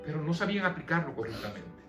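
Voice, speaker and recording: Man, Bible study leader, explanatory, asks questions, somewhat high voice, echoey room, soft background music. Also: big pitch swings, fast talker. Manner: explains and poses questions to listeners. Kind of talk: conversational Bible study teaching.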